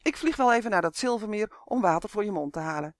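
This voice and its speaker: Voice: mid-range voice, animated, fast, no echo, clean studio sound, close to an everyday voice. A storyteller voicing an eager, grumbling male elf in a children's audiobook. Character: cheeky excitable male elf.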